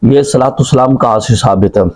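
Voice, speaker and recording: A man, a mufti, giving a measured religious rebuttal, citing books and reciting Arabic. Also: medium pitch, darkish tone, rough recording.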